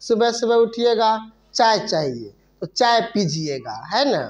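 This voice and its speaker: A woman teaches a grammar lesson at an unhurried pace. Her voice sits a little high, and she repeats each word and answers her own questions as she goes. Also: very animated, a little mellow, lo-fi sound.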